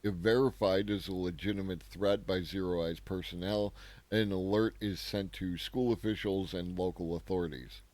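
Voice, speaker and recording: A man with a low, deep voice hosts a casual news commentary, musing aloud in a loose, sarcastic way. He keeps checking in with the listener through quick tag questions. The sound is dry and close, with no room echo. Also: fairly even intonation, darkish tone. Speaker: host of a daily news commentary show.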